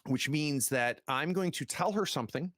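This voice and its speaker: A man's voice: fairly high pitch, expressive, normal speed, a bit bright, no room sound. Conversational man as game master, dry sound. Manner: explanatory, conversational. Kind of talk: casual tabletop game narration and commentary.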